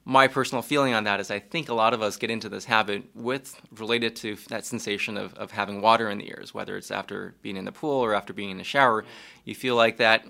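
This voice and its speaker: Ear doctor guest, male, low and gravelly, calm and measured explainer. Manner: calm and measured, with small restarts. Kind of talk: explaining medical facts.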